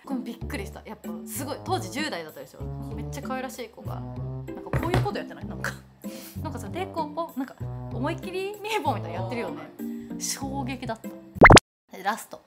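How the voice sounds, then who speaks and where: Bubbly high-voiced woman chatting. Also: fast talker, over loud music. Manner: lively, amused, lots of laughing asides. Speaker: idol group member, channel host. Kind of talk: casual chat to camera.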